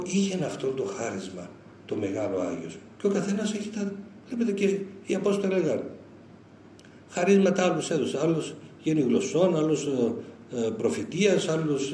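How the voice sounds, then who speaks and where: Older monk talking in a roomy hall. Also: male voice, on the high side. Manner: conversational, animated storytelling with chuckles. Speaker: monastic elder giving a talk. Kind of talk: informal spiritual talk. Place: lecture hall. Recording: roomy hall sound with faint noise.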